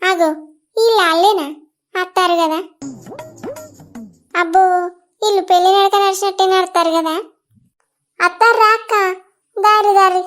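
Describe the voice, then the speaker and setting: A woman's voice: very high-pitched, steady tone, moderate pace, pauses often, a bit bright, soft background music. A woman voicing an impatient, complaining village farm owner with a Telangana accent. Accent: Telangana Telugu.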